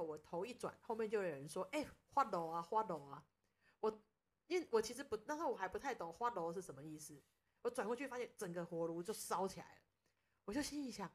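Husky woman storyteller. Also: medium pitch. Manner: animated storyteller, acts out quoted speech. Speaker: podcast host. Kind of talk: casual storytelling.

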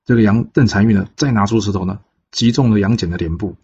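A man with a Taiwanese Mandarin accent telling a classic tale in a casual, relaxed way, pausing often on filler particles. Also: on the low side, husky. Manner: relaxed, frequent drawn-out pause particles. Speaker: storyteller. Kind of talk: casual storytelling narration. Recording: dull lo-fi podcast recording.

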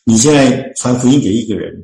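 A man, a church deacon and author, explains scripture in an interview, talking earnestly and slowly finding his words with many drawn-out fillers. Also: mid-range voice, animated, gravelly, dark tone, reverberant, poor audio. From Chinese-speaking, living in Canada.

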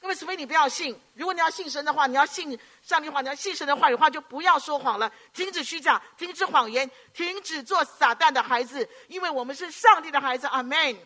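Woman preacher from Hong Kong, middle-aged, high bright voice, lively sermon delivery. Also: fast, hardly any pauses. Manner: animated storytelling with rhetorical questions.

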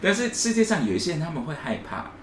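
A man's voice: on the high side, very animated, fast talker. A man, co-hosting a casual podcast chat and telling a story while acting out the quoted lines. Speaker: podcast co-host. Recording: echoey room, faint hiss.

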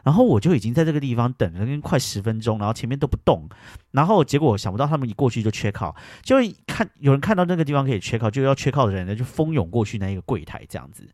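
A man hosting a podcast, telling a story in casual chat, animated and breaking into loud indignant bursts. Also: medium pitch, very fast, dry recording, studio quality. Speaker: podcast host.

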